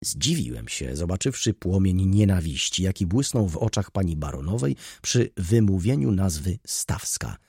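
A male audiobook narrator telling a classic novel in the first person, his low voice lightly husky. He reads in a measured way but with lively, expressive intonation, close and dry. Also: no room sound.

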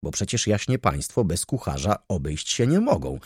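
A man's voice: low-pitched, sing-song, normal speed, a little mellow, husky, dry recording, clean studio sound, exaggerated voice. A man doing a haughty, bossy valet. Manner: haughty, condescending, commanding. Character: pompous, bossy male valet, self-important.

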